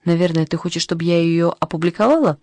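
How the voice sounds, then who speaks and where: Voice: medium pitch, fast talker, darkish tone, no room sound, close to an everyday voice. A reader doing a cheeky flirtatious journalist. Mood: teasing.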